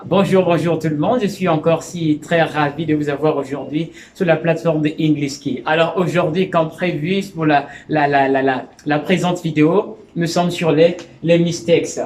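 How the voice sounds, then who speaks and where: A man teaching English in a video lesson, repeating phrases and slowing down for his English examples, with stammers and restarts. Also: a little high, fairly even intonation, darkish tone, reverberant, slight background noise.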